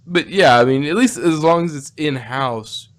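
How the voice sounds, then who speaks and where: A man with a fairly high pitch speaks at normal speed as co-host of a podcast reviewing audio dramas. He chats casually, rambling and repeating phrases, while noticeable background noise runs under the recording.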